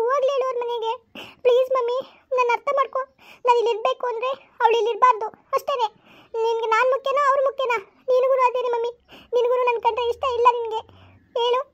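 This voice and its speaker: A woman's voice: extremely high pitch, little pitch movement, fast talker, a bit bright, lo-fi sound. A woman voicing a tearful young daughter who whines, sobs and pleads in a family skit. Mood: indignant. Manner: whining, pleading, sobbing complaints.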